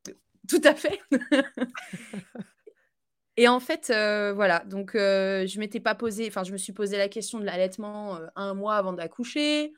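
Chatty French-speaking woman, halting. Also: mid-range voice, clean tone. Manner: chatty, halting, with many fillers and restarts; laughs easily. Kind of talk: casual conversational interview.

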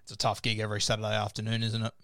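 A man's voice: fairly low pitch, monotone, racing, creaky, fairly bright tone, dry recording, clean studio sound. A man with an Australian accent hosting a casual sports discussion and moving through a ranked list. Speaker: podcast host.

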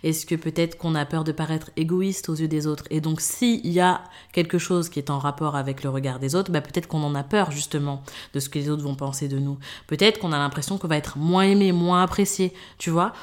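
A woman with a fairly low voice gives advice in a relaxed, conversational way. She speaks straight to the listener and repeats words to drive her point home. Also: brisk. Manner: chatty, addresses the listener directly, repeats words for emphasis. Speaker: podcast host. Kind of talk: casual advice monologue.

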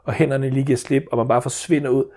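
Man in his thirties, rambling casual storyteller full of restarts and fillers, mid pitch. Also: steady tone, darkish tone. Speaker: father telling a story.

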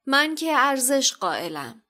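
A woman's voice: high voice, sing-song, bright, forceful tone, pitched above the performer's own voice, full character voice. A woman voicing a cold, haughty aristocratic wizard father with a clipped, disdainful manner.

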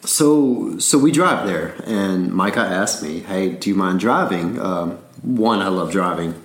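A man's voice: deep voice, expressive, a little slow, roomy sound. A man from Alabama with a Southern accent, rambling through a casual story with frequent laughs and repeated words.

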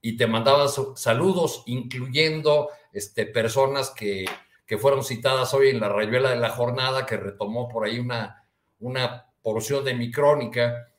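A man with a Mexican Spanish accent, a columnist guest chatting casually and haltingly, with many restarts and fillers. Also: mid-range voice, echoey room. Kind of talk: casual chat.

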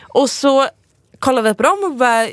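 A woman's voice: high-pitched, expressive, no room sound, studio quality. A woman co-hosting a casual podcast, chatting and telling her own stories. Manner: chatty, agreeing, laughs while telling. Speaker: podcast co-host. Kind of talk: casual chat.

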